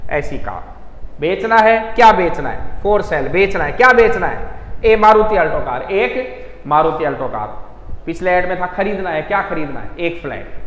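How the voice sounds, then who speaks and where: High-voiced man teaching in an echoey room. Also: lively intonation, fairly bright tone. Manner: slow, repetitive explaining with frequent emphasis. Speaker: English teacher. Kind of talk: classroom lesson.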